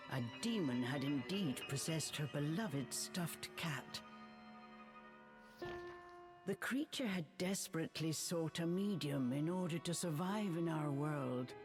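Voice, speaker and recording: A woman narrating a storybook game tale in a slow, measured, dramatic way. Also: low voice, heavily acted. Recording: game audio with music behind. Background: music.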